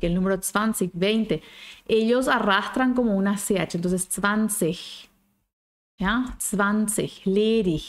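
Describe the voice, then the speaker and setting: Female language teacher, online lesson, mid-range voice, checks in constantly with quick tag questions, slows right down on example words. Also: medium pitch. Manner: slows down to model pronunciations.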